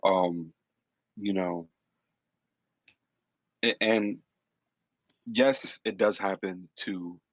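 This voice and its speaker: A man's voice: low-pitched, fairly even intonation, very slow, pauses often, fairly bright tone, no echo, lo-fi sound. A man hosting a podcast, talking loosely with frequent ums and casual swearing. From Dominican heritage. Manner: loose, profane, thinks aloud with many ums. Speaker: podcast host. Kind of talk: casual chat.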